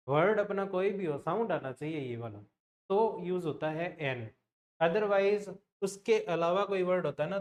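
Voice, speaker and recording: A man teaching an exam-prep grammar lesson, asking the class questions and answering them himself, slowing down to sound out example words. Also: fairly high pitch. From Rajasthan, India.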